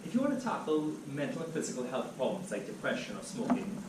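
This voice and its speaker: A man from Trinidad and Tobago gives an academic seminar talk as a guest speaker in a lecture room, lecturing fast, animatedly, and steadily in a mid-range voice. The distant mic picks up room echo and background noise.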